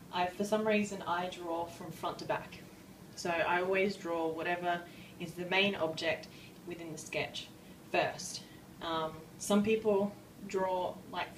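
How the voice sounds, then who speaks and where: A woman giving a casual drawing tutorial, rambling and self-deprecating with many fillers, a bit out of breath and clearing her throat. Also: fairly low pitch, far from the mic, a little hiss or hum, poor audio. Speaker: art tutorial maker.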